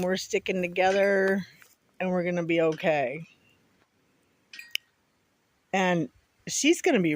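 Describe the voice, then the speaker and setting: Outside at home among her pets, a vlogger with a fairly low-pitched voice talks to her viewers in a relaxed, folksy, rambling manner. Wind is audible on the mic, and the audio is poor.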